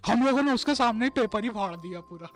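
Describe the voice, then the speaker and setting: Animated slangy man telling a story. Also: high voice, quick pace. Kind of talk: casual storytelling among friends.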